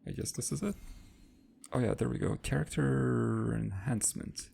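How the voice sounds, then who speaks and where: A man's voice: mid-range voice, very animated, brisk, gravelly, dark tone, breathy edge. A man casually thinking aloud while playing a game and reading its text out as he goes. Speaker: gaming let's-play host.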